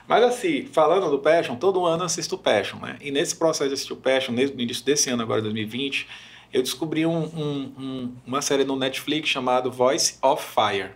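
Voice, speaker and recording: A young Brazilian man, a worship minister, chatting on a podcast and telling stories with lively, emotional retellings. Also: medium pitch, brisk. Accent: Brazilian Portuguese. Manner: animated storyteller, acts out quoted voices. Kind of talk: casual podcast chat.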